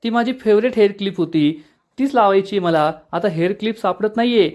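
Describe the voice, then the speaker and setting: A man voicing an irritated young wife in a spoken serial recap, in his own high voice with a scolding delivery. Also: brisk, a little mellow, lightly acted. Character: angry young wife, annoyed and stubborn.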